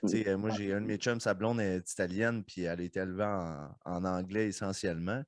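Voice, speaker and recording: A man's voice: low voice, fairly even intonation, fairly quick, no room sound, studio quality. A man with a Québécois accent, a band guest in rambling, slangy casual chat. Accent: Québécois French. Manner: rambling, slangy, many fillers.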